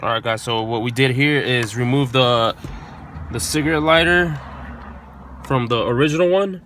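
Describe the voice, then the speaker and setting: In an informal car installation tutorial, this man explains every step at a moderate pace, often repeating himself. His voice is mid-range and a bit bright, and clicks and vehicle noises fill the noisy recording.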